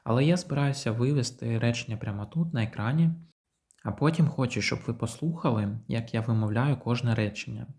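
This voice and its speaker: A man teaching English pronunciation to beginners, explaining patiently and modelling English phrases slowly for repetition. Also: mid-range voice, a little mellow. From Ukraine.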